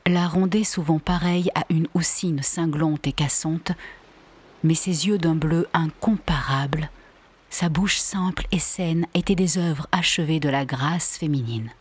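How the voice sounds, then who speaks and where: A woman narrating a literary audiobook in a soft, lingering, often half-whispered breathy voice. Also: sits low. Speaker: audiobook reader.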